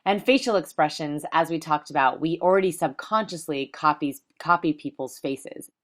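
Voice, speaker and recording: Fast-talking woman with a low voice. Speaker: life coaching course instructor. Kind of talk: recorded course lecture.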